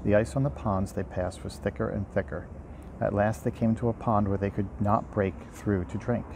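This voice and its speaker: Sitting by a river, this amateur audiobook reader and host reads a storybook in a fairly low, gravelly voice, at a normal pace with fairly even intonation. His informal reading is rough around the edges: he stumbles occasionally and goes back over lines. The recording carries faint outdoor ambient noise.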